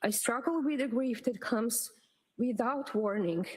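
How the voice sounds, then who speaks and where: Woman at a courtroom witness stand, courtroom recording off a livestream, measured and solemn, reads from a prepared page. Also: a little high, slightly rough. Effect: courtroom audio feed played on a livestream. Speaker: victim's sister giving an impact statement. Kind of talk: reading a prepared statement aloud.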